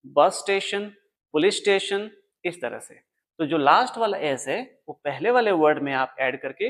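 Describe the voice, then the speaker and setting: A man's voice: a little high, a bit bright. A man teaching an English grammar lesson, explaining step by step and answering his own questions. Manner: writes on a board while explaining.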